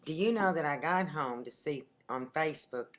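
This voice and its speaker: A middle-aged Southern woman from Arkansas with a strikingly deep voice. She chats on a webcam at home, spinning stories in an easy drawl and laughing along the way. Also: lively intonation, moderate pace. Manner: chatty storyteller with a drawl, laughs often. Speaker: co-host of a webcam video. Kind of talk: casual chat.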